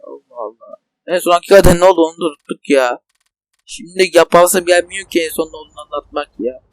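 A man's voice: a little high, fast, no room sound. A young man hosting a gaming channel, giving casual let's play commentary, rambling and swearing at the game in frustration. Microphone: desk microphone.

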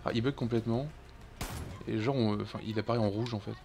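Low-voiced French man streaming a game. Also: steady tone, fast, gravelly, mellow. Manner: chatty, swears when frustrated. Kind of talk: casual gaming chat.

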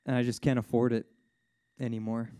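A man gives a sermon testimony as a lively, casual story, his voice leaping high whenever the tale gets exciting. His tone is mellow and warm, recorded close and dry, with many easygoing fillers and bursts of laughter. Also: brisk, smooth, dry recording. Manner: animated storyteller, voice jumps high when excited, laughs often; casual, fills speech with "like" and "you know". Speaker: worship speaker at a church service.

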